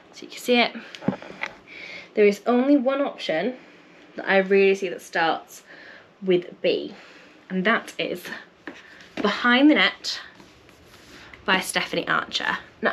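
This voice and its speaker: A woman's voice: medium pitch, a bit bright, a little hiss or hum. A woman chatting casually to camera as a book vlogger, her voice a little nasal and congested from a cold, friendly and thinking aloud. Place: home room with bookshelves.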